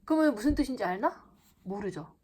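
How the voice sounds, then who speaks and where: A woman's voice: a little high, fairly quick, breathy edge. A woman teaching English reading, speaking straight to her students and reading example sentences aloud phrase by phrase as she explains. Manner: animated, reads sentences aloud in chunks; calls herself teacher, talks to students directly.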